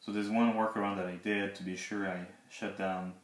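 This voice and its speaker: A man's voice: on the low side, little pitch movement, moderate pace. A man giving a casual, unscripted product review, speaking hesitantly and a little awkwardly through a sore mouth after dental surgery. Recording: roomy echo, background hiss and clicks.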